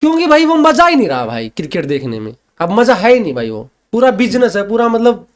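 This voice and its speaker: A man's voice: high voice, wildly swooping pitch, a little fast, noisy background. A young man from Haryana, a podcast guest, arguing in a heated casual debate, emphatic and repetitive, often calling his host "brother". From Haryana, India. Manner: emphatic, keeps saying "bhai", repeats points.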